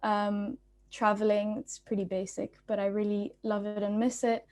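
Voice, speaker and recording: A woman's voice: medium pitch, level tone, moderate pace, a little mellow. A young woman from Belgium, a student speaker, giving a casual, informal talk on a video call with many ums and restarts. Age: young adult.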